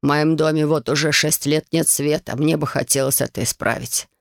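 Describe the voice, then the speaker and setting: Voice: mid-range voice, steady tone, normal speed, gravelly, no echo, clean studio sound, natural voice. A reader voicing a humble village man asking a favor in an earnest, deferential way. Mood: pleading. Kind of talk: audiobook dialogue.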